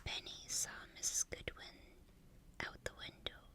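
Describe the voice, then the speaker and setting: A woman reading a bedtime story aloud in a soft ASMR whisper, gently and with long pauses.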